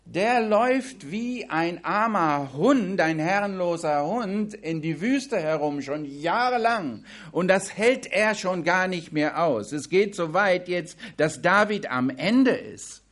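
A man's voice: sits high, lively intonation, slow, fairly bright tone. A man giving a Bible study sermon, reading scripture aloud and then commenting on it in a conversational way. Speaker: preacher.

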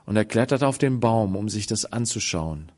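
A man preaching a sermon, telling stories dramatically with sudden swings between loud and soft and acting out the voices of the people in them. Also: on the low side, animated, normal speed. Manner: acts out the voices of people in the story.

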